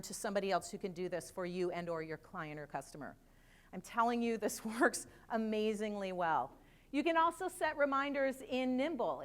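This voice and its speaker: Conference speaker, middle-aged woman, higher voice, lively presenter with quick jokes. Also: clean tone. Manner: lively, chatty, joking asides. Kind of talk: live presentation to an audience.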